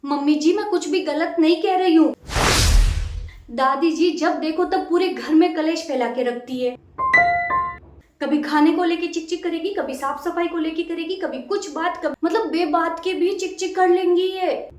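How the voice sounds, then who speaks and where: A woman playing a blunt, sharp-tongued young wife who scorns the elders of the house. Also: very high voice, moderate pace, roomy sound, over music. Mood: arguing.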